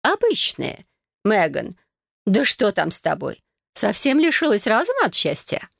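A woman's voice: mid-range voice, wildly swooping pitch, a little slow, creaky, fairly bright tone, dry recording, clean studio sound, voice pushed up, exaggerated voice. A woman voicing a bossy, effusive mother who talks over everyone in an audiobook. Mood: gushing. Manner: effusive, steamrolling, chatters on. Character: gushing bossy mother planning a wedding. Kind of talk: audiobook character voice.

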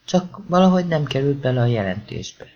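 A man's voice: medium pitch, sing-song, darkish tone. An audiobook reader voicing an apologetic, sheepish male police sergeant. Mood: uneasy. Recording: dull lo-fi recording.

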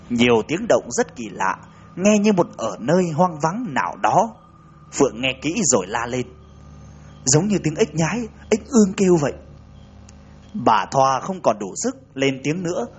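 A man reading a ghost story aloud, raising his voice for the frightened women's lines. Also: husky. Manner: reads dialogue with raised, urgent pitch for women's lines. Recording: dull lo-fi recording.

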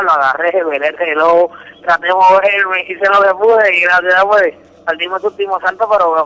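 A young boxing champion from Puerto Rico answers a radio interview in Spanish with a Puerto Rican accent. His fairly high voice is bright and forceful, and he speaks earnestly and emphatically, often repeating words, though the audio quality is poor.

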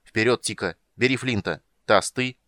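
An exasperated half-elf leader who loses his temper and shouts orders, as a male reader puts him on. The voice is fairly low. The sound is dry and close, in the manner of an audiobook. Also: moderate pace, no room sound.

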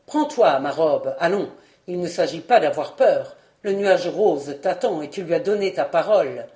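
A woman's voice: sits low, animated, normal speed, mellow, roomy sound, voice pushed down. A woman voicing a stern, commanding old fairy aunt who scolds and barks orders.

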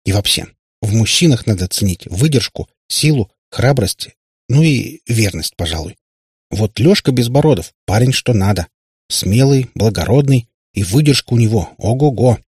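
A sharp-tongued little witch girl teases and boasts in a raised, scoffing voice, as a man reading the book puts her on. The voice keeps a husky edge and sits dry and close to the mic. The audiobook reading stays lively and mocking. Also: on the low side, no room sound. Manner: teasing, boastful, quick to scoff.

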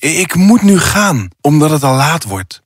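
An actor playing a polite young prince in a storybook tale, courteous and theatrical. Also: male voice, fairly high pitch, very animated, a little slow, husky, no room sound, clean studio sound, exaggerated voice. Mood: polite, awkward. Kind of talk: storybook voice acting.

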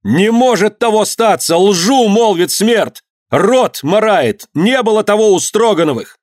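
A man voicing an indignant young merchant's son shouting denials. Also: high-pitched, expressive, unhurried, dry recording, studio quality, pitched above the performer's own voice.

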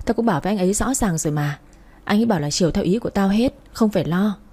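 A heartbroken young woman from a read-aloud story, whiny and sulky as she complains, voiced by the female narrator. The tone is warm and mellow, with a soft breathy edge. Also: mid-range voice, natural voice.

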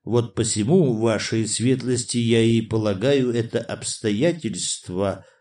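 A man's voice: medium pitch, unhurried, darkish tone, close to an everyday voice. A man reading an audiobook, voicing a nervous young officer who speaks hesitantly and formally. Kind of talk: audiobook character voice.

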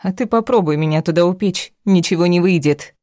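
A bitter, tearful wife from an audiobook pleads and spits venom, as a woman reader plays her. Her voice is low and mellow. The sound is dry and close. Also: brisk, dry recording, natural voice. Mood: spiteful pleading. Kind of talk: audiobook character reading.

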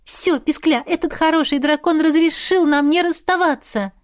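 High young heroine, cooing, stubborn, gushing, dry close sound, read by a woman. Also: moderate pace, no room sound, natural voice. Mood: delighted. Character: young woman, cheerful, stubborn, soft-hearted.

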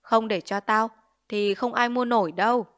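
A woman's voice: a little high, steady tone, moderate pace, a bit bright, natural voice. A woman voicing a greedy, bullying male village chief who sneers and makes threats in a Vietnamese storybook reading. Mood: sly. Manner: blustering, sneering, extorting.

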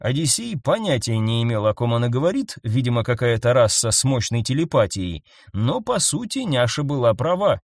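Man narrating a story, lively tone. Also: medium pitch, normal speed, few pauses, dry recording, clean studio sound. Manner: animated storytelling. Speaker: audiobook narrator. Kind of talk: expressive scripted narration.

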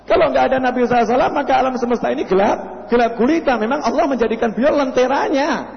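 A man preaching a Q&A sermon, lively and humorous, full of rhetorical questions. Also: very high-pitched, very fast, creaky. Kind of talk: Q&A sermon to a live audience. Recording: lo-fi reverberant hall recording.

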